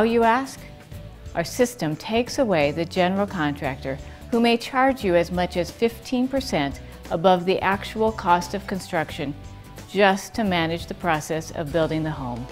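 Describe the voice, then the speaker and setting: A woman delivers scripted infomercial narration in a slightly low voice. Faint music plays behind her as she presents the sales copy.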